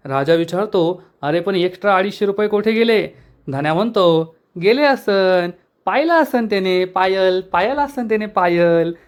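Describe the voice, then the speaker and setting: Man narrating a serial episode recap. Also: sits high. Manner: reads out characters' quoted lines in the retelling.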